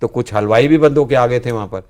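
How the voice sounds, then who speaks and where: A man's voice: mid-range voice, fast talker, a little mellow. An older man, a senior politician, earnestly explaining past events in a studio discussion in speech. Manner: earnest, explanatory, frequently ends with "जी". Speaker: political guest, former student leader.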